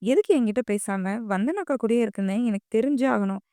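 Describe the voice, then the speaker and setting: A woman's voice: mid-range voice, a little fast, mellow, dry recording, clean studio sound, natural voice. A woman doing a jealous, pouting young woman. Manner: petulant, complaining.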